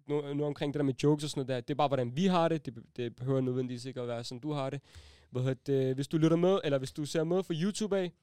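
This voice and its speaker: A young man with a slightly high voice, chatting casually as a podcast host. He tells his stories in an animated, slangy way and often laughs mid-sentence. The sound is dry and close to the mic. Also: smooth, no room sound. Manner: animated storytelling, slangy, laughs while telling.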